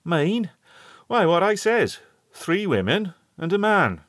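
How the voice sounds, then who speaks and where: A man putting on an old country shepherd, raised and louder than his narrating voice, with broad rustic grammar and a grave, superstitious weight to every warning. The voice swings widely in pitch and keeps a slow, deliberate pace, recorded close and dry. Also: big pitch swings, no echo, heavily acted. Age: older. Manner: broad country dialect, ungrammatical rustic speech.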